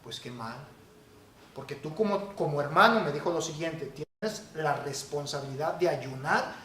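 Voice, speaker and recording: A man preaching a sermon as pastor, emphatic and building to forceful peaks. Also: on the high side, moderate pace, recorded from a distance. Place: church hall. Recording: echoey church hall, faint noise.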